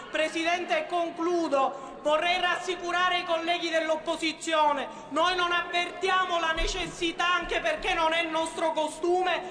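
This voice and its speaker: A combative woman from Sicily makes her case as a member of parliament. Her voice sits very high and bright, staying level in pitch. The chamber around her adds a roomy echo and faint background noise. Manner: emphatic, combative. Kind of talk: parliamentary speech. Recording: echoey chamber.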